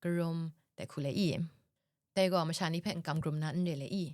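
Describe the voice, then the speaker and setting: A woman hosts a solo podcast in a casual, chatty manner, laughing often and slipping English words into her talk. Her voice is low-pitched and darkish, fairly quick, with no echo and studio-quality sound.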